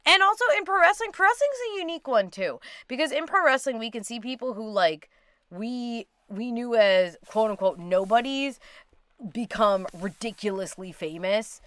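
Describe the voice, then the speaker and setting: A woman co-hosts a casual livestream, reading out audience questions informally and saying "like" a lot. Her voice is fairly high and expressive, at a moderate pace, with no room sound.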